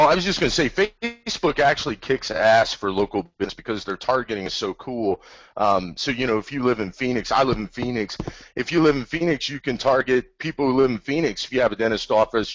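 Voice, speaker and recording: A man's voice: medium pitch, a bit bright, no echo. Enthusiastic man on a dull web call. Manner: enthusiastic, rambling, plain-spoken. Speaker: webinar co-host. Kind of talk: casual webinar talk. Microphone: computer mic over an online call. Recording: dull, dry online call audio.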